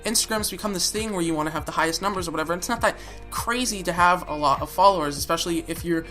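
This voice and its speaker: Young woman, reaction host, blunt, swearing, sarcastic, lower voice, crisp and bright. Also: quick pace. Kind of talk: casual reaction commentary. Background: background music.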